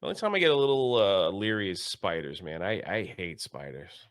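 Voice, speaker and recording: A man co-hosting a casual talk show, easygoing and quick to laugh as he tells stories. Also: sits low, expressive, a bit bright, no echo, clean studio sound. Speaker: podcast co-host. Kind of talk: casual chat.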